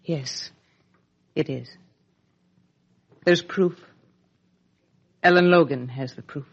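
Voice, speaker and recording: In a 1950s radio soap, a woman plays a regretful middle-aged actress confessing to the child she abandoned, in a subdued, halting, earnest and dramatic way. Her husky voice sits low and is exaggerated, and the lo-fi 1950s radio recording sounds dull.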